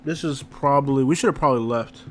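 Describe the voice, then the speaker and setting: A man hosting a casual live stream, talking in an informal, slangy and halting way and often repeating himself. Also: mid-range voice, slight background noise. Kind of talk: casual live stream chat, reacting to viewers. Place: inside a rented house.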